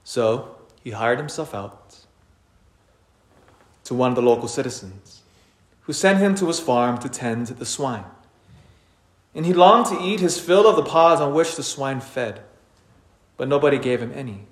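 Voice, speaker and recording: Priest guy reading the gospel, calm and measured, big cathedral echo all around him. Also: mid-range voice. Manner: measured, unhurried liturgical reading. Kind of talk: reading the Gospel aloud at Mass. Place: large church. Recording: roomy church reverb.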